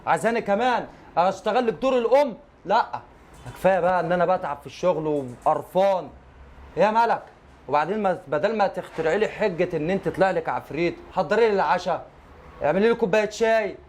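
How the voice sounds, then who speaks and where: Brief: man doing a worn-out, irritable Egyptian dad, high for a man, quick talker. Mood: irritated. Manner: irritated, scolding, dismissive. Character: tired, grumpy working father.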